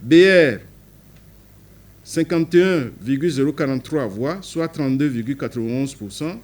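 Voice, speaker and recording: A man's voice: medium pitch, moderate pace, darkish tone. A man from Benin reading out election results in a formal manner, stressing the party initials and correcting himself on some figures. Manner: reads numbers aloud, stressing party initials, self-corrects. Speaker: court official reading results.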